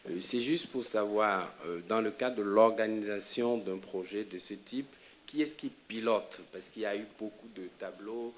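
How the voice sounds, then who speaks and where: Lowish-voiced man asking a question. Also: moderate pace. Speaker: audience questioner. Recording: faint hiss.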